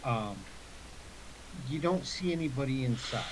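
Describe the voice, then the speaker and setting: A man working as game master, casually narrating scenes in a halting, improvised way. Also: medium pitch, lively intonation. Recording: faint background hiss.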